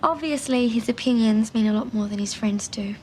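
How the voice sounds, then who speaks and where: Actress as a high-voiced, wounded young Australian woman. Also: fairly quick, dark tone, slight background noise, natural voice. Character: sensitive, hurt young bride-to-be leaving her friends. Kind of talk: television soap drama acting. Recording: TV soundtrack, faint music.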